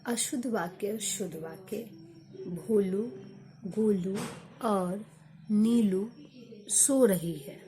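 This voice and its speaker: A woman teaching a grammar lesson, slowly repeating example sentences for her students. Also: mid-range voice, mellow.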